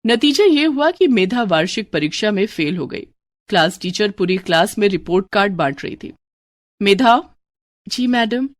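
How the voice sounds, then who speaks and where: A woman telling a moral story in steady, expressive scripted narration. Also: mid-range voice, moderate pace, no room sound, clean studio sound.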